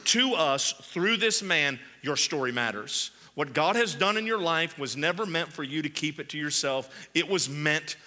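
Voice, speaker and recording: A man's voice: on the high side, lively intonation, normal speed, hardly any pauses, bright, forceful tone, big-room sound. A man pastor preaching a sermon and reading scripture, emphatic, repeating key phrases for weight. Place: church sanctuary.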